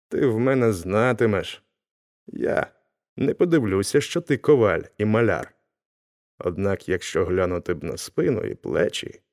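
A man's voice: on the low side, darkish tone. A man reading the part of a grumbling middle-aged village Cossack who mutters complaints to himself. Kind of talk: audiobook character reading.

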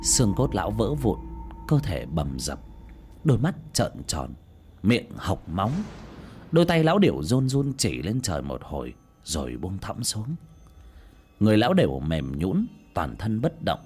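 Expressive male storyteller, low voice. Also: moderate pace, faint music behind. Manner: expressive, dramatic storytelling delivery. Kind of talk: dramatic story narration.

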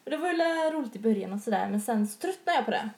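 Young woman guest, measured storyteller, higher voice, echoey room. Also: animated, a little mellow. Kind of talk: casual chat.

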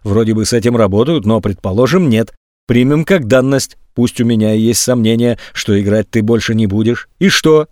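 A man's voice: medium pitch, lively intonation, brisk, darkish tone, no echo, studio quality, lightly acted. A man reading an audiobook, voicing a cold, blunt young woman who scolds her friend. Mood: scolding.

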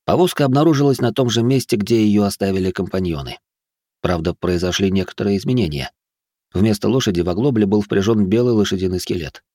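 A man narrating an audiobook in an even, steady storytelling manner. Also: lowish voice, no room sound, clean studio sound. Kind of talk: scripted narration.

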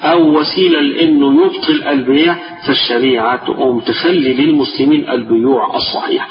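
In this religious lesson, a sheikh with an Egyptian Arabic accent and a medium-pitched, weary, strained voice slowly reads a passage before explaining it in everyday speech and going over key phrases again. The recording sounds distant, echoey and dull, and music plays.

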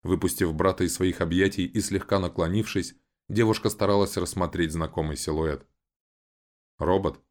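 A man narrating a science fiction audiobook in a measured, even storytelling manner. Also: low-pitched.

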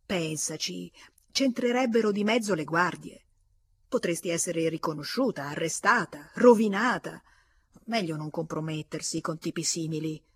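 A woman's voice: on the low side, normal speed, slightly rough. A woman reading an audiobook aloud, voicing an ardent, anxious young man who talks in an earnest, pleading way, with an Italian accent. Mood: urgent.

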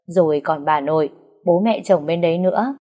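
A woman voicing a stern aging father who lectures his grown daughter in a firm, slow, measured way. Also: low voice, dark tone. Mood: lecturing.

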